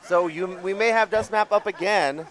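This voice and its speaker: A man casting a live arcade game tournament, excitable and shouting at the big plays. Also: sits high, moderate pace. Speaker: esports caster.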